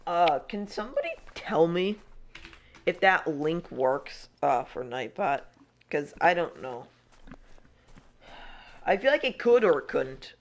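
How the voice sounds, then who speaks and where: A man's voice: fairly high pitch, very animated, slow pace, pauses often. Rambling young man streaming a game. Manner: rambling, self-interrupting, frustrated. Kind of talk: casual live-stream chat.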